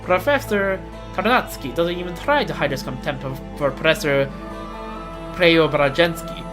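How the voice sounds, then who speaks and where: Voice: mid-range voice, moderate pace, over music, lightly acted. A game player voicing a weary, grumbling military diarist in a Russian accent with rolled R's, reading aloud theatrically. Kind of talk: theatrical diary read-aloud.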